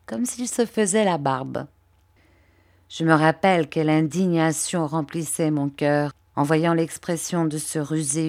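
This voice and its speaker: A woman narrating a classic novel in a measured, expressive storytelling manner. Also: sits low. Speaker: audiobook narrator. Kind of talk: scripted literary narration.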